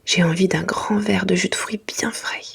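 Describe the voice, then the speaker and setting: A woman reading a children's storybook in a hushed, breathy library whisper, in a soft ASMR style. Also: medium pitch, steady tone, normal speed. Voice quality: breathy, unvoiced.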